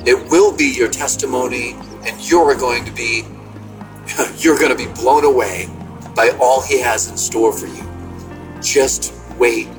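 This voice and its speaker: A man from Massachusetts calling in from his car over a phone line, leaving an earnest, uplifting message with halting fillers. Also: mid-range voice. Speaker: caller. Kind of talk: encouraging call-in message. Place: inside a car. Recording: distant phone line with music under it.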